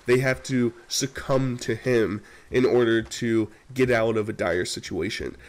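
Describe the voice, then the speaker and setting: List: man, middle pitch, commentator, blunt, scathing, emphatic, casual rant, home mic.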